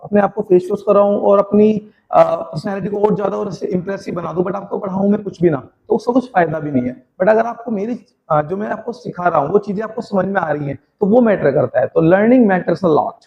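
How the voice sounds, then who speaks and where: High-voiced Indian man teaching English. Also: creaky, lo-fi sound, slight background noise. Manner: drills tongue twisters slowly and repeatedly; addresses students as "beta", encouraging. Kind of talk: spoken English class, teaching in Hindi.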